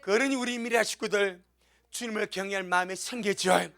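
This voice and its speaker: A pastor preaches in church, his voice pitched very high with a gravelly edge and a sharp tone. He moves a little fast, exclaiming emphatically and sometimes crying out to God throughout the sermon.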